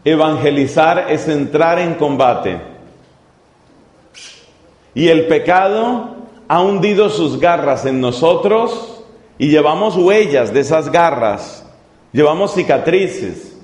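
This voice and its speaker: A man preaching a sermon, speaking deliberately and repeating key phrases for emphasis. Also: fairly high pitch, lively intonation, a little mellow. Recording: echoey hall, long reverb.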